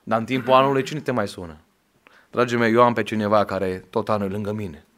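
A man preaching a sermon in a Romanian accent, talking plainly to the congregation and then climbing into loud, high, emphatic exhortation. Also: steady tone.

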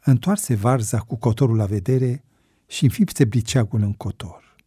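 A man reading a story aloud with expressive narration. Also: mid-range voice, husky, no echo, clean studio sound. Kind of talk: audiobook narration.

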